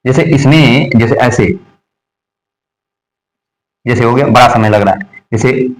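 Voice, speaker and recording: A man's voice: mid-range voice, a little slow, poor audio. A man teaching Hindi grammar, repeating terms and asking and answering his own questions as he drills pronunciation. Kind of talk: classroom lesson.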